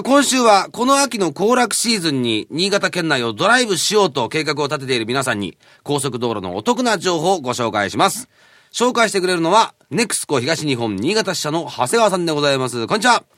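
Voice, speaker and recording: A man's voice: on the high side, a bit bright, no room sound, clean studio sound. A man hosting a radio show in a chatty, casual style.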